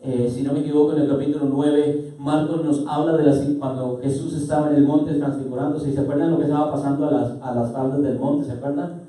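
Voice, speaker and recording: A male pastor giving a sermon, asking the congregation questions and rising to loud, emphatic declarations. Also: fairly high pitch, steady tone, fast. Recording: echoey hall, voice from far off.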